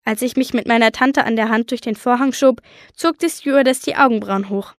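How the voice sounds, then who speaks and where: A woman's voice: a little high, brisk, no echo. Woman reading a children's story, dry sound. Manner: lively storytelling, voicing a young girl narrator. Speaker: audiobook reader. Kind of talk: scripted first-person audiobook narration.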